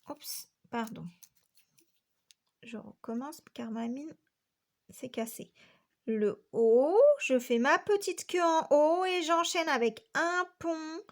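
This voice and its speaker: A woman teacher from France giving a patient, step-by-step handwriting lesson to young children, counting each stroke aloud. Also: high voice. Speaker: primary school teacher.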